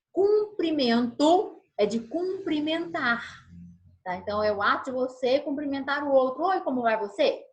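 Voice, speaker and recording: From a home setup on a video call, a woman with a slightly high voice teaches a grammar lesson through the call's mic. She explains patiently, slows down to emphasize key words and regularly checks in with her listeners.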